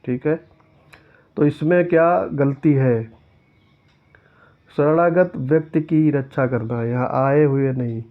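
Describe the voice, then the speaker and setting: A man walks through exam answers as a teacher, reading each question aloud before correcting it step by step. His voice sits at an ordinary middle pitch. The sound is thin and tinny, as if heard over a phone. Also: slow pace, long pauses. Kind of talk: exam-prep lesson explaining answers.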